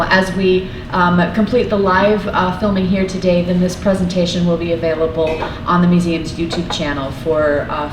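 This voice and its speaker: A woman opens a museum lunch program and introduces the speaker, pausing often with fillers. She speaks at a mid pitch in an echoey hall. Steady background noise can be heard behind her. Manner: warm welcoming tone with many fillers. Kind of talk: formal welcome introduction.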